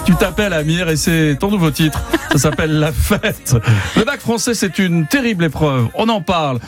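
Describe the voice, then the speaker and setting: Male radio host, bright and jokey, soft music bed. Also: a little high, animated, moderate pace. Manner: upbeat, jokey banter. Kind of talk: live radio presenting.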